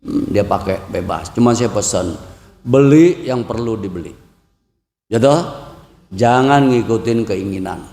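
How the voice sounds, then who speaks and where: Betawi-accented male preacher, casual and comic, acts out home dialogue; gravelly voice, echoing hall with long reverb. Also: lowish voice, lively intonation, measured pace, pauses often, warm tone. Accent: Jakarta Betawi. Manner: joking and bantering with the audience; acts out dialogue with his wife. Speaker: Buddhist preacher. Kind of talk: humorous dharma talk. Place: temple hall.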